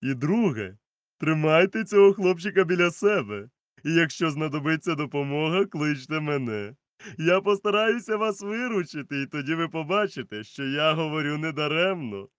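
A man's voice: fairly high pitch, lively intonation, normal speed, smooth, no echo, voice pushed up, natural voice. Man playing a resolute old-school doctor, raised voice, urgent and firm, dry close sound.

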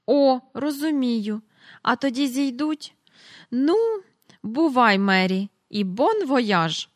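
A woman's voice: on the high side, animated, takes it slowly, no echo, clean studio sound, voice pushed up. A woman voicing a plump, fussy older man who talks hurriedly and ceremoniously.

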